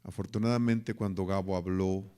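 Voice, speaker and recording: A man's voice: low voice, fairly even intonation, moderate pace, clear, resonant tone. A man preaching as a pastor, telling a story dramatically and acting out the voices of the people in it. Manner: dramatic storytelling, acting out quoted voices, rising to near-shouting at climaxes. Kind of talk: sermon storytelling.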